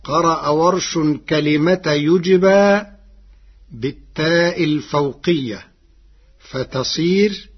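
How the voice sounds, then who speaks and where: A man calmly explaining variant Quran readings in a measured radio lecture. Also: on the high side, breathy edge. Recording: lo-fi old radio broadcast.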